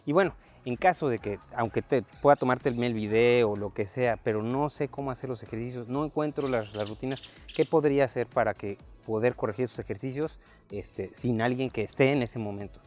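Relaxed male fitness coach outdoors. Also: mid-range voice, a little fast, faint music behind. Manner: relaxed, conversational, frequent fillers. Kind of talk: casual fitness chat. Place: outdoor park workout area. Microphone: lapel mic.

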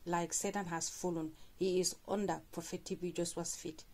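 A woman with a lowish voice talks directly to her viewers, pausing the clips to recap and restate each point. Her delivery is plain and conversational, recorded as a close voice-over. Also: fairly even intonation, a little mellow. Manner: recaps and repeats what was said, addresses viewers. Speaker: channel host commentator. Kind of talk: reaction commentary.

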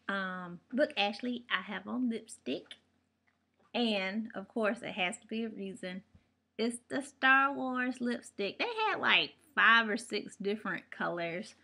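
A woman's voice: mid-range voice, a little slow, gravelly, bright, forceful tone. A woman chatting casually to the camera from home as a beauty and shopping vlogger, rambling into stories. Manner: chatty, rambling storyteller with laughs. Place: home room.

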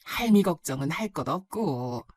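A woman's voice: sits low, expressive, moderate pace, darkish tone, no room sound, clean studio sound, pitched below the performer's own voice. Woman voicing a doting elderly grandmother. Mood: tender, fussing. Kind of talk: storybook narration.

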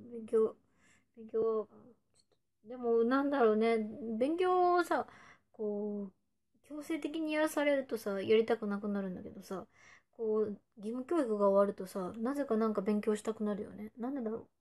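With a fairly high, slightly mellow voice, a woman in her twenties, an idol, chats casually with fans during a livestream. She reads their comments aloud playfully, sometimes switching to a whisper.

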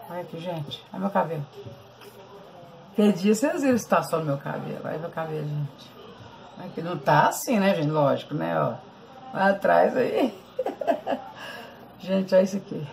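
A woman's voice: on the low side, gravelly, a little mellow, a little hiss or hum, low-quality recording. A Brazilian woman vlogger, chatting with her viewers as she tells a story and shares a hair-care tip. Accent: Brazilian Portuguese. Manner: chatty, constantly addresses viewers.

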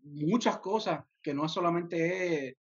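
A man's voice: on the high side, slow pace, husky. A young man talking as a guest on a video call, slipping English phrases into his Spanish, with many restarts. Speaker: music producer guest. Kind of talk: casual interview over video call. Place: home room, indoors. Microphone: headset on a video call. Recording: dull lo-fi video call audio.

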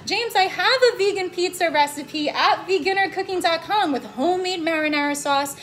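Bubbly high-voiced woman hosting a live cooking stream. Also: normal speed, fairly bright tone, slight background noise. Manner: bubbly, gushing, upbeat, addresses viewers as "guys" and "love". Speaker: host of a live vegan cooking show. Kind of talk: live-stream cooking chat, reading viewer comments. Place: home kitchen.

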